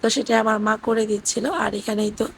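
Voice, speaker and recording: A woman, hoarse from talking, gently narrating a family vlog as a voice-over with occasional fillers. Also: a little high, fairly even intonation, a little fast, a little hiss or hum, rough recording. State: hoarse, voice cracking. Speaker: vlogger narrating family trip. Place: indoors at her parents' house.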